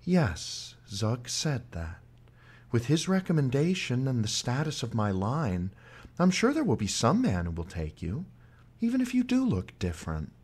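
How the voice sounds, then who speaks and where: A man voicing an old mother and medicine woman who comforts her daughter calmly and steadily. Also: medium pitch, a little slow, breathy edge, voice pushed up, heavily acted. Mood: soothing.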